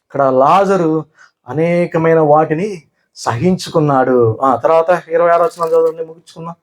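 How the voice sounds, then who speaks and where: A male pastor delivering a sermon, loud and emphatic, firing rhetorical questions at the congregation. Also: a little high, normal speed. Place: church.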